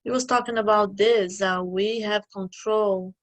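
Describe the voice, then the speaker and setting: A woman sharing thoughts casually in a spiritual study group, reflective and unhurried. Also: medium pitch, fairly even intonation, poor audio.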